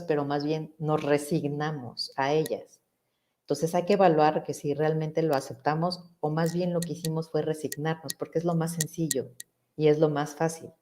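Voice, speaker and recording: A woman's voice: low-pitched, warm tone, a little hiss or hum. A middle-aged woman psychologist, explaining ideas in a reflective way and asking rhetorical questions. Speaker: psychologist guest. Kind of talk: conversational explanation.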